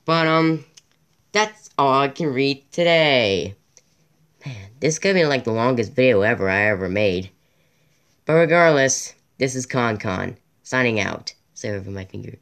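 A man's voice: mid-range voice, expressive, unhurried, vocal fry, a bit bright, smooth. A man from Canada hosting a casual home-recorded video, reading a wiki aloud in a rambling, self-interrupting way while losing his voice. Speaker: channel host.

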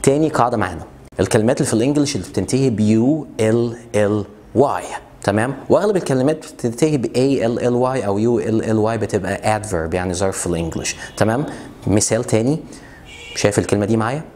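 A man with an Egyptian Arabic accent gives a friendly, lively pronunciation lesson, repeating each word slowly so the viewer can copy it. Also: lowish voice. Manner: lively, drills words by repeating them slowly; friendly, talks straight to the viewer. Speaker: English teacher.

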